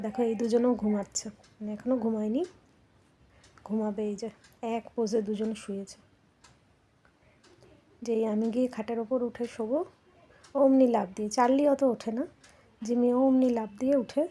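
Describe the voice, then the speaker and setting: A middle-aged woman talks to her viewers as friends while she goes about her home, her voice a little higher than usual. A faint hiss sits under the phone recording. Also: steady tone, moderate pace, pauses often, warm tone. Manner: chatty, addresses viewers as friends. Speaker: vlogger. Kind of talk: casual home vlog chat. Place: home rooms.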